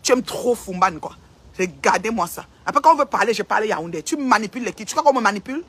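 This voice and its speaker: Woman online commentator, husky edge, confrontational, repetitive livestream tirade. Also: medium pitch, animated, fast talker. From Cameroon. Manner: confrontational, repeats phrases for emphasis. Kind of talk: livestream rant.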